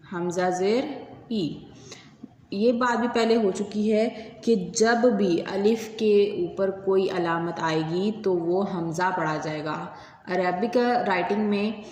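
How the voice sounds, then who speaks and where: Pakistani urdu-accented lady teaching slowly, drawing out each letter, roomy echo, faint hum behind. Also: lowish voice, darkish tone. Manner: patient, drawn-out letter recitation. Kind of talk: slow classroom lesson. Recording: echoey hall, faint room noise.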